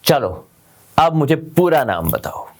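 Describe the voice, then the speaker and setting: A man voicing a gentle, kind woman schoolteacher who coaxes a shy pupil in a soft, encouraging way. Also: fairly high pitch, very animated, takes it slowly, heavily acted.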